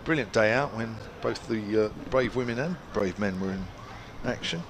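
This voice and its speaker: A man commentates live on cricket in a fairly low voice. He is chatty, calling play and scores in short phrases. Outdoor ambient noise is clearly audible behind him. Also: expressive, moderate pace. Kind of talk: live cricket commentary, conversational with match updates.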